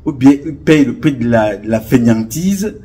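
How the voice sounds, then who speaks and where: Speaking at medium pitch and moderate pace, this man has an expressive, mellow, slightly rough voice and a Cameroonian French accent. As an online commentator, he gives a casual but impassioned, preachy monologue full of rambling and repetition.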